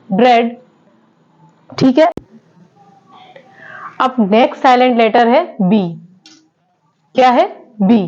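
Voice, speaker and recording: A woman teaching English in a classroom style, repeating each word and quizzing her students with questions. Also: high voice. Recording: dull lo-fi sound.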